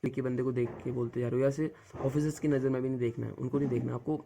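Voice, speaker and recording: Fast-talking young man giving exam tips. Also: mid-range voice, darkish tone. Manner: direct, repeats "matlab" as filler. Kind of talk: casual spoken lesson.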